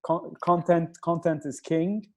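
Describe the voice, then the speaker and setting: A man who grew up in Nigeria hosts an interview over a video call. His voice is fairly high, with a mellow, warm tone. He searches for his words and hesitates as he asks his questions. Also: fairly even intonation, unhurried. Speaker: host. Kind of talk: casual interview talk.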